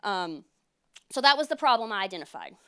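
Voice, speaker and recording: A woman in her thirties gives a conference talk in a smooth, resonant voice that is slightly hoarse. She explains earnestly, with frequent fillers, at a medium pitch. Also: very animated, a little fast, a bit bright. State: losing her voice. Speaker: military lawyer presenting at a conference. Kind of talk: conference presentation.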